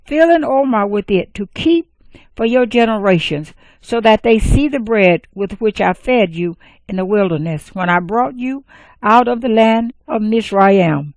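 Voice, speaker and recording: A woman reading the lines of Moses, an older male leader, in a measured, earnest voice. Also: mid-range voice, lively intonation, dry recording.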